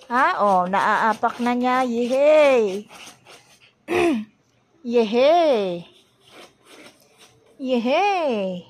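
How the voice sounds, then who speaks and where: A woman's voice: fairly high pitch, a bit bright. A woman vlogger talking to her pet dogs in a playful, coaxing baby-talk voice. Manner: coaxing, playful sing-song calls to dogs. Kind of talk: casual baby talk to pets.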